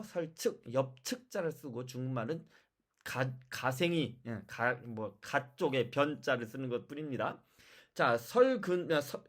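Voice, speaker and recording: A language teacher giving a pronunciation lesson, explaining step by step and repeating example words slowly. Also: medium pitch. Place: lives in China.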